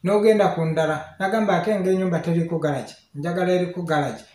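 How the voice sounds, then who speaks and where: This is a high, mellow male voice moving at a fast clip: a Ugandan-accented property consultant in his thirties giving informal instruction across two languages and frequently checking in with brief questions. The recording has the echo of a small, hard-walled office.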